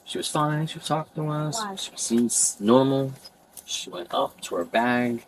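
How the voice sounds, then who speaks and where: A man's voice: medium pitch, measured pace, crowd noise, poor audio. A man, a flight attendant giving a hesitant, informal account of an incident as he pieces it together. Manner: hesitant, piecing events together. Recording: busy crowded aircraft cabin noise.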